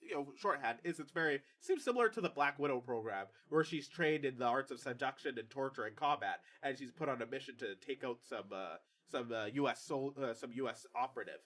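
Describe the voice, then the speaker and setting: A man's voice: mid-range voice, lively intonation, fairly quick, hardly any pauses, fairly bright tone. A man hosting a podcast, chatting casually with lots of fillers and frequent laughter. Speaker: podcast host. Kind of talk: casual chat.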